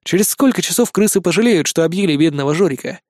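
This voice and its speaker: A man's voice: sits high, lively intonation, fast, darkish tone, no echo, studio quality. A man voicing an eager young boy leader who gives firm, upbeat orders in a children's fantasy audiobook. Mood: commanding.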